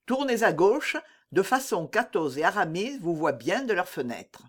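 Reader voicing a bold shouting musketeer. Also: male voice, big pitch swings, moderate pace. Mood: commanding. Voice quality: high, shouting cries. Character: bold young male musketeer, cunning and commanding. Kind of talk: audiobook character reading.

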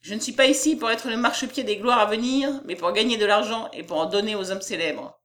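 A woman's voice: mid-range voice, fairly bright tone, natural voice. A woman voicing a domineering, boastful middle-aged male publisher in an audiobook reading. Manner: boastful, condescending.

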